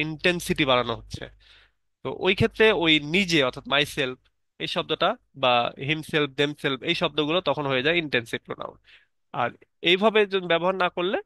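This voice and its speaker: A man's voice: a little high, sharp tone, no room sound. A man teaching an online English grammar lesson, explaining step by step and repeating key terms.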